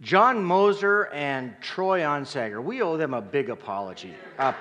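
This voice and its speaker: A man's voice: on the high side, animated, normal speed, sharp tone. A man, the guest preacher, opens his talk with self-deprecating jokes and banter with the congregation.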